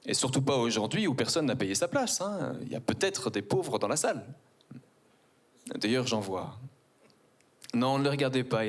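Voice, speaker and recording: A man in his forties with a Belgian French accent, performing a stand-up comedy set on stage, ironic and mock-posh. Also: medium pitch. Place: theater stage before a live audience.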